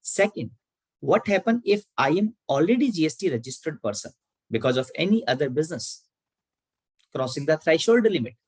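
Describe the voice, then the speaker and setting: Lively Indian-accented man teaching tax. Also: a little high, slightly rough, dry recording, rough recording. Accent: Indian English. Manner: asks and answers own questions, repeats key points. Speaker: tax educator. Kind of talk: online tax lecture.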